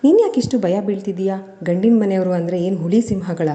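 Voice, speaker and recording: A woman's voice: medium pitch, fairly quick, mellow, close to an everyday voice. A woman voicing a playful aunt who teases a nervous young couple, in a storytelling audiobook. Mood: teasing. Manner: playful, teasing. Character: teasing affectionate aunt.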